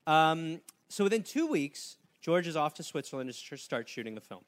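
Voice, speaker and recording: This comedy podcast host speaks at a moderate pace in a fairly high pitch. Animated and playful, he jokes his way through a story and keeps breaking into goofy character voices.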